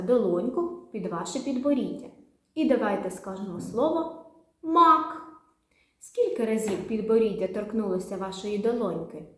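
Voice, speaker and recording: A woman teaching young children a literacy lesson, sounding out words slowly and clearly in an encouraging teacher's way. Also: mid-range voice, darkish tone. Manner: slow, clearly syllabled, encouraging teacher talk. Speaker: kindergarten teacher. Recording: echoey room.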